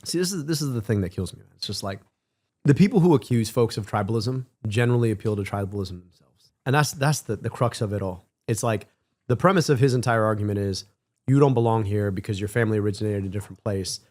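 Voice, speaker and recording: A man in his thirties from Michigan, giving animated casual commentary on a clip and repeating words as he gets going. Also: on the low side, fast. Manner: animated, emphatic, repeats words when excited. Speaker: stream co-host reacting to clips.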